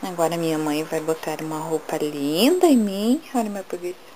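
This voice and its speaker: A woman speaking for her baby boy as if he were talking, acting out a sleepy little boy who has just woken up, with lazy, drawn-out words. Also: sits low, warm tone, a little hiss or hum, close to an everyday voice, rough recording. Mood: drowsy, lazy. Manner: drawn-out, lazy, yawning talk.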